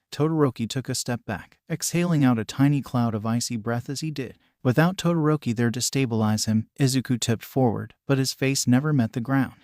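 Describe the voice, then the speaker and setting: A man's voice: mid-range voice, darkish tone, no echo. Man reading a story, dry close voice. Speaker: story reader. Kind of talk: scripted narration of fan fiction.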